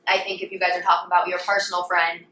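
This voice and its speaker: A woman co-hosting a podcast, chatty and animated, telling stories with quoted voices. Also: on the low side, quick pace, distant mic, slight background noise. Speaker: podcast co-host. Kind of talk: casual chat. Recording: echoey room, off-mic with faint ambience.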